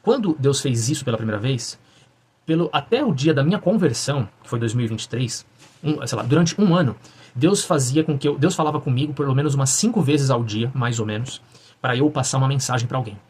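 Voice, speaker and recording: A young man recounts his faith testimony in a husky, slightly breathy voice. He talks quickly and earnestly, often stopping and restarting his sentences as he searches for words. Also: medium pitch, animated, darkish tone. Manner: earnest, halting, with frequent restarts and fillers. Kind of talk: personal testimony.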